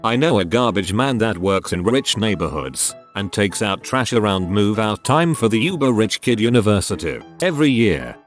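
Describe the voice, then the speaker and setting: A man reads online posts aloud as scripted narration. His voice sits fairly low, and his delivery stays steady and even. Soft music plays quietly beneath him.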